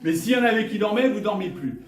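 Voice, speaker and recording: Preacher, man, high voice, heard from far off in a reverberant church hall; lively, rhetorical delivery. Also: fast. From northern France. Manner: lively, rhetorical questions, jokes with the congregation. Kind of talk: sermon. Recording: echoey church hall, from afar.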